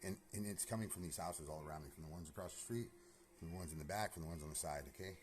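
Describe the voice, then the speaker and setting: A man's voice: low-pitched, very fast, a little mellow, slight background noise. A man rambling through an agitated, profane personal monologue, recorded in an empty house under renovation. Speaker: vlogger.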